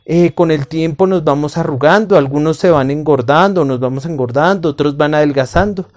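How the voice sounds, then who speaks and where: Male Bible teacher, deliberate and emphatic, poses questions then answers them himself. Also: on the high side, darkish tone. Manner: addresses the listener as friend. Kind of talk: recorded Bible lesson to camera.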